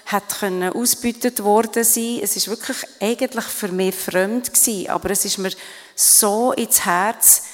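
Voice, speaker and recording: Middle-aged Swiss German woman, mid pitch, earnest guest speaker with halting restarts, echoing event hall. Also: fairly even intonation. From Switzerland. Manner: earnest, reflective, with many fillers and restarts. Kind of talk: interview on stage at an event.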